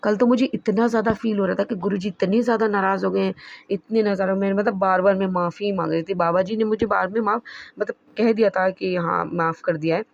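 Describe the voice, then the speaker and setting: A woman's voice: medium pitch, steady tone, fast talker, gravelly, dry recording, highs cut off. A woman sharing a devotional testimony in an earnest, emotional way, rambling and restarting, recorded as a phone voice note.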